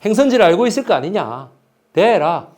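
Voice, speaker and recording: A menacing male interrogator, as a lecturer puts him on, barking short commands with a voice that swings up high. The threats come blunt and hard. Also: sing-song, brisk, darkish tone. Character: menacing male interrogator, later a cornered official.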